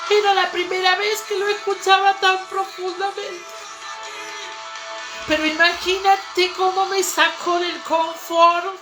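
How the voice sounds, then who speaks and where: Fervent woman preacher, high voice, slow pleading testimony over music. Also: rough recording. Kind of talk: emotional faith testimony.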